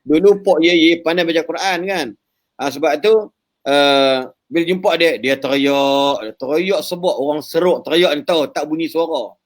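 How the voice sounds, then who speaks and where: A man giving a lively religious talk over a live call, joking in English and chanting recitations. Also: on the high side, normal speed. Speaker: preacher.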